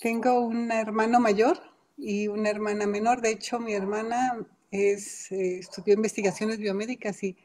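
A woman's voice: mid-range voice, fairly even intonation, slight background noise. Older woman chatting on a video call. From Mexico, raised in Costa Rica. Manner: warm, chatty, halting with restarts. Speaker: guest astronomer. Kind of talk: casual interview chat. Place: home study with bookshelves.

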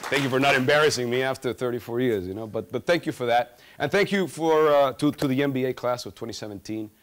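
A man's voice: medium pitch, quick pace, a faint crowd. A man, telling funny stories in a stage talk. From Guatemala. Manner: animated, gesturing, humorous storytelling. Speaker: student speaker. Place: large auditorium stage.

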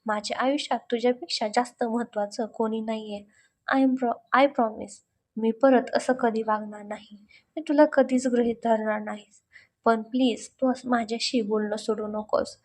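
A woman's voice: fairly high pitch, fairly even intonation, normal speed, a little mellow, lightly acted. A woman voicing an earnest, devoted young college man who talks in a pleading, heartfelt way. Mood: apologetic.

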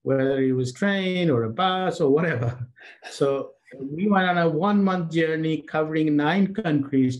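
A man's voice: medium pitch, muffled recording. Older man on a video call. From Pakistan, raised in Britain. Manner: animated, repeats words, laughs between phrases. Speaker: guest, chamber of commerce president. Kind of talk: casual interview storytelling.

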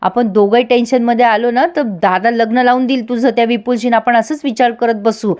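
A woman's voice: fairly high pitch, steady tone, fairly quick, darkish tone, natural voice. A woman voicing an easygoing husband who brushes off his wife's worries. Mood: dismissive. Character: easygoing middle-aged husband, dismissive.

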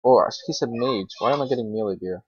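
Talking fast in a mid-range voice, a sixteen-year-old boy who makes gaming videos rambles casually and hesitantly over gameplay while screen recording indoors at his computer. Heavy background noise sits under a dull, lo-fi, dry computer mic.

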